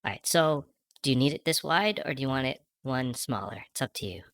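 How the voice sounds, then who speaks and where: A man talking through a pitch-shifting voice changer that gives him a squeaky, chipmunk-like sound. He chats casually and giggles while thanking viewers. The recording is dry and close, with no room sound. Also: expressive, fairly quick, fairly bright tone, no echo. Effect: pitch-shifting voice changer, high chipmunk-like voice. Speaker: streamer co-host. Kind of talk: casual chat while playing a game.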